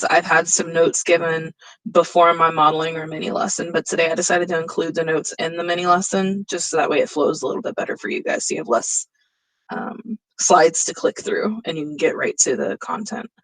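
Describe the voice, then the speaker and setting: A young woman teacher with a lower voice than most women, giving a casual, chatty recorded lesson and thinking aloud as she works. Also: a bit bright, dry recording, rough recording. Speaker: drama teacher.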